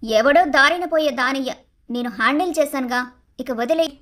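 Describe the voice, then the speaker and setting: A woman voicing a sharp-tongued young married woman in a cartoon story, speaking bluntly and scolding. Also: sits high, moderate pace. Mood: dismissive. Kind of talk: Telugu storybook cartoon dialogue.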